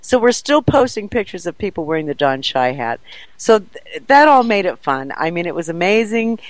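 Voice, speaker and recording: A woman who organizes paranormal events, telling an excited story in an interview, animated and laughing often. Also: on the low side, normal speed, no room sound, low-quality recording.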